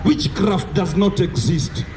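A man's voice: high-pitched, takes it slowly. A young Kenyan man preaching an open-air street sermon with call-and-response rhythm, mixing English and Swahili. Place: outdoors on a dirt street corner in town. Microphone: far camera. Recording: distant outdoor mic with street noise.

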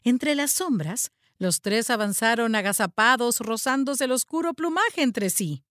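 A woman's voice: fairly high pitch, lively intonation, measured pace, a bit bright, dry recording, clean studio sound. A woman storyteller reading a children's story aloud in a dramatic, sing-song way.

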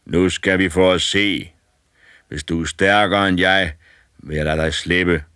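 A man voicing a slow, booming old ghost. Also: steady tone, pushed and bright, clean tone, no room sound, clean studio sound. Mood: menacing. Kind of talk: audiobook fairy tale reading.

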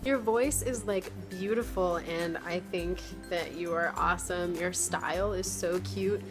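A woman's voice: on the low side, measured pace, music in the background. A woman fan giving a sweet, admiring birthday message.

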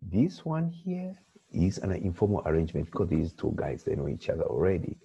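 A very low, gravelly male voice with a dark, husky tone, talking slowly through a textbook lesson. He explains patiently and keeps checking in with a rising "okay?". The recording is dull and lo-fi. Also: wildly swooping pitch. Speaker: language teacher.

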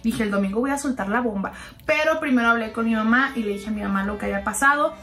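With soft music behind her, a fast-talking young woman in a fairly high, bright tone narrates a gossipy storytime over slime footage. She confides like she's talking to a close friend and repeatedly addresses the listener as "sister".

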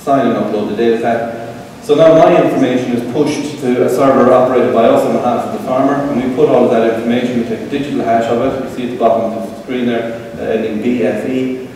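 On stage in a big hall with a seated audience, a middle-aged Irish man demos tech during a conference talk, speaking in a relaxed, conversational way full of fillers. His mellow mid-range voice is captured from a distant camera, so the hall echo is roomy, with a little hiss or hum.

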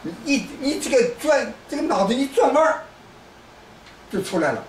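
Guy from china ranting on politics, voice sits high, lots of restarts, sounds far off in a roomy space with faint background noise. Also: very animated, normal speed. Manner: lecturing, repetitive restarts, hectoring asides. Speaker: political commentator. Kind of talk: rambling political monologue.

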